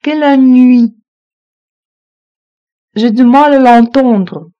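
A woman slowly reading French phrasebook lines, saying each one twice in an even manner. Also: high voice, lo-fi sound. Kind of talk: slow repeated phrasebook reading.

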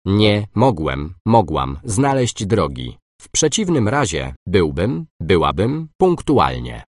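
A man reading short example phrases slowly and clearly for a language course, giving both masculine and feminine forms. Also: sits low, sing-song, no room sound, studio quality.

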